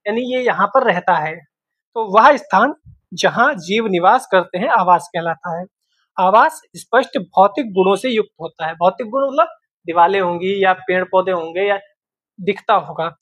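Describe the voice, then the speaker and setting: A man's voice: high voice, fairly bright tone, dry recording. A man teaching exam questions in a lecture style. He explains step by step, repeats key points and mixes in English terms.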